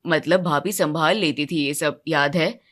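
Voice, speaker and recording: A woman voicing a weary grown man, a quiet husband in an animated storybook, speaking in a subdued, lowered voice. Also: unhurried. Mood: reasoning. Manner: subdued, low-key, quietly complaining.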